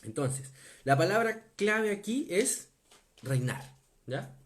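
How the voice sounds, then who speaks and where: A man gives a Bible teaching sermon in a slightly high voice. He leans on key words and slows down to stress them. He keeps asking his listeners whether they follow. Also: very animated. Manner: asks the listeners to confirm often; emphatic on key words, slowing down. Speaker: preacher.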